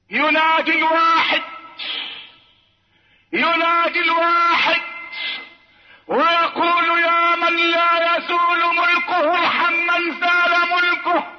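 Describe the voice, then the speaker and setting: A man preaching an impassioned sermon, building a chant of shouted rhetorical questions. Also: very high-pitched. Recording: dull lo-fi recording in a reverberant hall.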